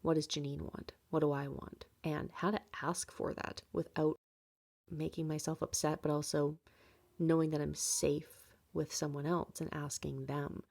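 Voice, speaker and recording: A woman in her late twenties hosts a podcast from home, giving a candid, reflective monologue about her life full of fillers and light laughs. Her low-pitched voice is creaky and a little mellow, with a flat, slightly slow delivery.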